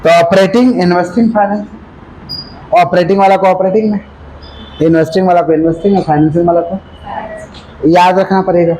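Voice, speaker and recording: A male commerce teacher giving a classroom lecture, asking the class again and again if they follow, and slowing right down to dictate. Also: high-pitched, steady tone, mellow, a little hiss or hum, low-quality recording. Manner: repeatedly checks understanding with questions; dictates slowly, then rattles off explanations.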